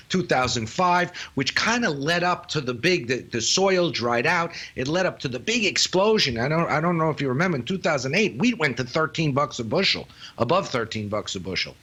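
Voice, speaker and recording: A man with a Brooklyn accent giving live market commentary as a guest analyst, in an emphatic, colloquial way with halting phrasing. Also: a little high, a bit bright.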